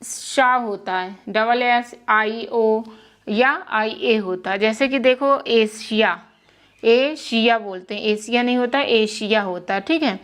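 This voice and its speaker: Young woman teaching pronunciation rules, kinda high-pitched, repeats stuff slowly. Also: fairly bright tone, clean tone. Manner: patient, repeats words and spells letters aloud. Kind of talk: Hindi-language lesson explaining spelling rules.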